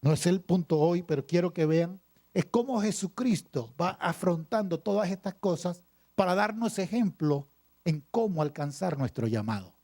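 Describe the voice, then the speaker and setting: A male pastor preaching a sermon, reading scripture aloud and pausing for emphasis with repeated phrases. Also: high-pitched, lively intonation, warm tone. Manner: preaching with dramatic pauses and repetition.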